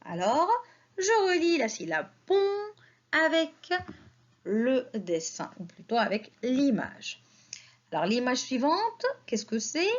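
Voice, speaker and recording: A woman teaching a children's spelling lesson, sounding out syllables slowly and patiently, asking questions and answering them herself. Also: on the high side, big pitch swings. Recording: slightly dull lo-fi audio.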